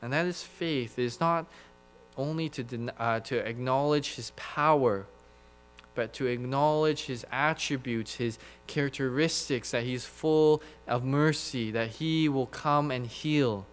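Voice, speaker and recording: Earnest preacher with a resonant voice. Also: male voice, mid-range voice, clear, resonant tone, soft background music. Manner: earnest, emphatic, with dramatic pauses and acted quotes. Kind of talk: sermon. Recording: reverberant hall with mains hum.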